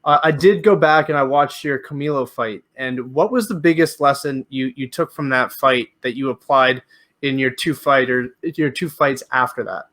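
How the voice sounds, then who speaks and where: Guy hosting a podcast, mid-pitched, rambles through questions, lots of restarts. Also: moderate pace, a bit bright. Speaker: podcast host. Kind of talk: casual interview.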